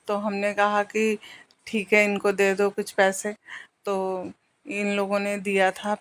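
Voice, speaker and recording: A young woman narrating her family trip in a casual, rambling vlog, talking to her viewers as friends. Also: mid-range voice. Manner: chatty, addresses viewers as friends; rambling with fillers and restarts. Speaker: family vlogger.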